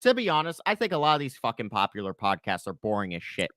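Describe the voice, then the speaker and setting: A man's voice: mid-range voice, very animated, quick pace, fairly bright tone. A man from the American South co-hosting a stream, ranting bluntly in casual chat with frequent swearing. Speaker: stream co-host.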